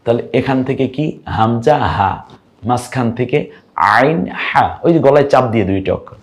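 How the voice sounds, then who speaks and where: A man with a Bangladeshi Bengali accent teaching Arabic letter pronunciation in an online lesson, patiently demonstrating each sound slowly. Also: mid-range voice, darkish tone.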